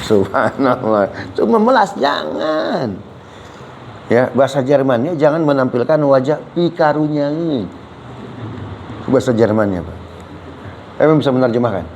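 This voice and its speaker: A man's voice: medium pitch, a little slow, long pauses, slight background noise, rough recording. A man preaching an Islamic lecture, joking with his audience and constantly addressing them as "Pak", dropping "subhanallah" between points. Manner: animated and joking, often addressing listeners as "Pak". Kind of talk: lively religious lecture with audience questions.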